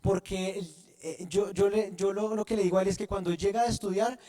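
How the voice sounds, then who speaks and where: A man preaching a sermon, often pausing to have the congregation fill in the word, and restarting phrases as he goes. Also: high-pitched, fairly even intonation, warm tone. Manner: asks the congregation to fill in words. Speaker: pastor.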